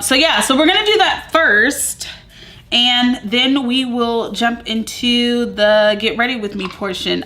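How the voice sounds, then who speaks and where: A chatty woman in her thirties hosts a relaxed beauty vlog from her home. She talks in an upbeat, rambling way, leaning on filler words as she goes. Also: mid-range voice. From Southern US. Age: 30s. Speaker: beauty vlogger. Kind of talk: casual chatty get-ready-with-me vlog. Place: at home among moving boxes.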